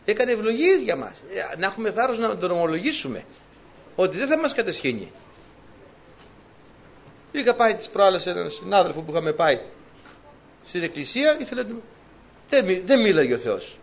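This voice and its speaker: A man from Greece preaching a sermon, telling personal stories with lively, animated delivery. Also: high voice, pauses often. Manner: lively, animated storytelling, laughs at own stories.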